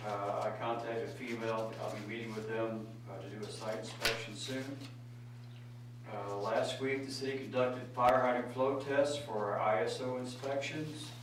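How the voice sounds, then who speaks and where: A man's voice: mid-range voice, fairly even intonation, normal speed. An American man speaking as a city administrator, giving an informal status report at a meeting. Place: indoor city meeting room. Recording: very echoey room, distant mic, clear noise.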